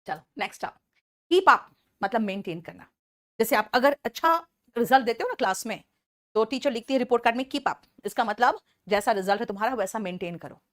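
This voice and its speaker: Woman English teacher, fairly high voice, Indian English, brisk and scolding with students. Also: animated. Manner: scolding, teasing students, calls them beta; slow, deliberate reading of English example sentences. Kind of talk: online class lecture.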